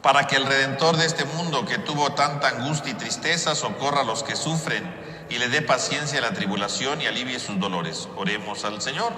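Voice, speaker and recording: A man's voice: mid-range voice, brisk, a crowd in the background. A man preaching at Mass as a priest, often adding "¿verdad?", heard with a cathedral echo. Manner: preaching with frequent "¿verdad?" tags. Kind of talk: homily and prayers at Mass. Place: large church. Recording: echoey church with long reverb.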